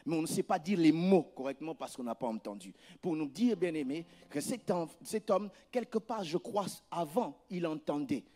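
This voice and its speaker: A pastor preaching a sermon, with emphatic rises and soft asides, often repeating words as he searches for phrasing. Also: on the high side.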